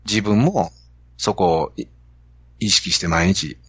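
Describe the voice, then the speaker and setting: A man with a Kansai accent hosts a podcast, telling an animated story to make a business point. His voice sits low, a little husky, with lively swings in pitch. The sound is dry and somewhat dull. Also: slow pace, dry recording. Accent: Kansai Japanese. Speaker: podcast host. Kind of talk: casual podcast talk.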